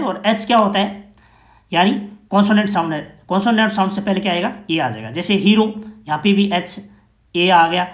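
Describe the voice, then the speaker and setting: A man's voice: high-pitched, roomy sound. A man explaining English grammar to learners in Hindi, patient and repetitive, often asking rhetorical questions and checking that his listeners follow.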